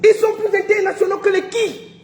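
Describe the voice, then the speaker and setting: A woman from Cameroon, ranting indignantly to the camera, shouting with bitter laughter. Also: very high voice, level tone, brisk, a little hiss or hum. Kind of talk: angry rant to camera. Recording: roomy echoey room.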